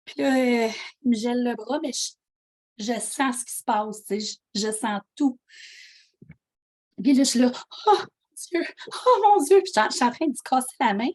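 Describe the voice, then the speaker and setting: Femme québécoise à la voix voilée. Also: female voice, on the high side, normal speed, long pauses. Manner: animated, acts out dialogue, laughs while telling. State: ill with pneumonia, prone to coughing. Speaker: coaching call participant. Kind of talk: casual storytelling. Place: at home.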